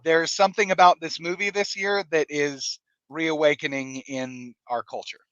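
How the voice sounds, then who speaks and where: A man's voice: fairly high pitch, steady tone, normal speed, fairly bright tone, clean tone, dry recording, muffled recording. A man co-hosting a casual movie podcast, eager and playful, often jumping in. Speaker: podcast co-host.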